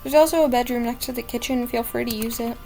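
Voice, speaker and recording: A reclusive noblewoman speaks in short, commanding sentences, cool and distant, as a woman reads her part aloud. The voice sits high. Faint music runs underneath. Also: fairly even intonation, fast talker, creaky, a little mellow. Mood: curt. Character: aloof reclusive noblewoman employer.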